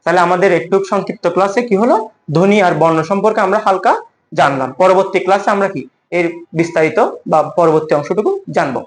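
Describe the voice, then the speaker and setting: Young man, high voice, lecturing students with self-answered questions. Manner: asks questions and answers them himself; repeats key words slowly for emphasis. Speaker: teacher. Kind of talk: classroom lecture.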